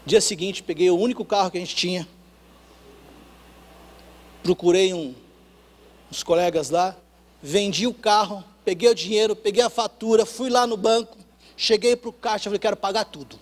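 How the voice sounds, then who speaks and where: High-voiced Brazilian preacher, swinging loud and soft. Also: male voice, steady tone, normal speed, long pauses. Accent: Brazilian Portuguese. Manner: storytelling with acted dialogue. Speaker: pastor. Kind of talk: sermon.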